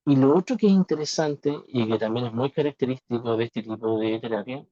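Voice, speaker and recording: A man's voice: mid-range voice, fairly quick, dark tone, no echo. Guy lecturing on a call, voice glitchy and robot-ish, dull lo-fi sound, dry. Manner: explaining, with frequent tag questions. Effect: distorted, half-robotic audio. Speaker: instructor. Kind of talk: online lecture. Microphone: video call. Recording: dull lo-fi video call audio.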